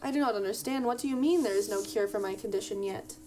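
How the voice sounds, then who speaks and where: A woman voicing a man woken from frozen sleep, asking halting, anxious questions. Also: medium pitch, mellow, distant mic, lightly acted. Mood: bewildered. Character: revived frozen man, bewildered and reasonable.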